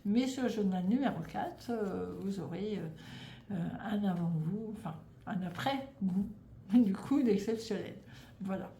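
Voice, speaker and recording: French woman, 30s, casual knitting vlogger, rambling and stumbling, mellow tone, echoey room. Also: mid-range voice, unhurried. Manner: rambling, stumbling, frequent fillers and restarts. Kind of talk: casual chat. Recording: echoey room, faint background noise.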